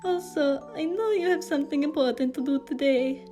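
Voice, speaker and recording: A woman reading a fanfic aloud, voicing a gentle, sad young man who speaks softly. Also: sits high, moderate pace, music in the background, pitched above the performer's own voice, lightly acted. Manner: soft, weak.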